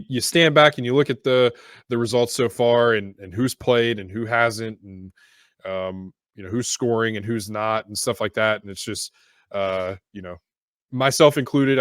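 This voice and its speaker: A man co-hosting a sports podcast, talking casually in a halting way with many pauses. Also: lowish voice, smooth, no echo, clean studio sound. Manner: hesitant, many fillers and restarts. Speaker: podcast co-host.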